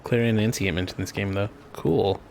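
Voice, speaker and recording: A man's voice: lowish voice, steady tone, fast talker, creaky, a little mellow, a little hiss or hum. A man giving casual, joking commentary while playing a video game, often breaking into laughter.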